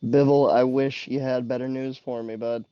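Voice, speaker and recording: A man's voice: mid-range voice, little pitch movement, moderate pace, clear, resonant tone, dry recording, dull audio. A man talking casually as a player in a tabletop game, improvising his character's moves. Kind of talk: casual improvised role-play talk.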